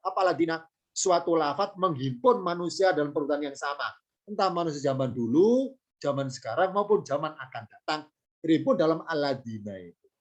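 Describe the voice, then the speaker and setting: A man with an Indonesian accent giving an online lesson on Quranic Arabic grammar, posing questions and answering them himself, with light jokes. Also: fairly high pitch. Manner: explanatory, asks and answers his own questions, light joking. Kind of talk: online lecture.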